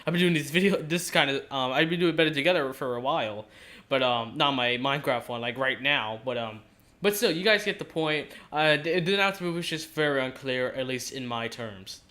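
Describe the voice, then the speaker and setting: A man's voice: medium pitch, a little fast, pushed and bright. A man giving casual, rambling game commentary, hesitant and self-correcting, his speech slightly off from stitches in his mouth after dental surgery.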